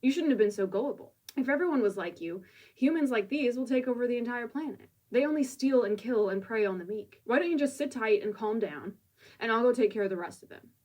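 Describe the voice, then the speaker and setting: A woman's voice: on the high side, animated, a little fast, darkish tone, pitched above the performer's own voice. A woman voicing a casual, coldly superior young male villain who talks down in a breezy, dismissive way. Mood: breezy, condescending.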